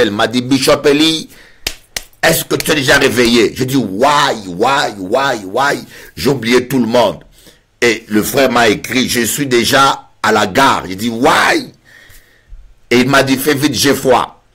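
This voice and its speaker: A man's voice: mid-range voice, moderate pace, slightly rough. A man with a French Caribbean accent preaching a sermon, telling a funny story and acting out the voices in it. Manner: animated, acts out voices in anecdotes. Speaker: pastor.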